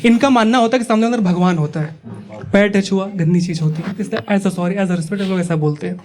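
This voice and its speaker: A young male stand-up comedian from Uttar Pradesh, India, speaks with a high voice, a slightly quick pace and a darkish tone. On a comedy club stage before a live audience, he tells chatty stories, teases the crowd and acts out the characters. The live recording carries audience laughter.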